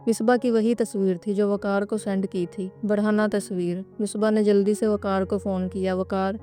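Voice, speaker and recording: A woman narrating a moral story in a steady, even way. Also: mid-range voice, faint music behind.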